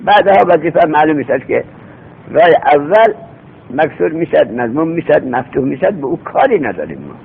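A man's voice: very animated, gravelly, husky. A man teaching a seminary grammar lesson, explaining patiently and repeating himself, asking rhetorical questions. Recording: tinny phone-like recording with faint rumble.

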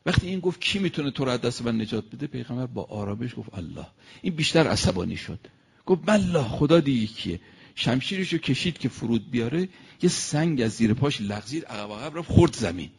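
A man delivering an animated sermon, telling a story and speaking directly to his listeners. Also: creaky, breathy edge. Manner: animated, rises and falls in pitch and loudness. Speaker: preacher.

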